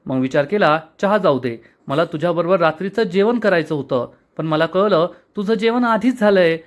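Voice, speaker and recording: A man's voice: high-pitched, normal speed, close to an everyday voice. A man voicing a playful, lovestruck young husband who teases his wife with pet names, in a serial episode recap. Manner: teasing, cajoling.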